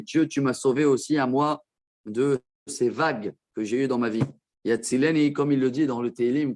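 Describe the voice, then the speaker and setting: A man teaching a Torah class as a rabbi, explaining verses with quick asides to his listeners. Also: a little high. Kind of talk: Torah lesson.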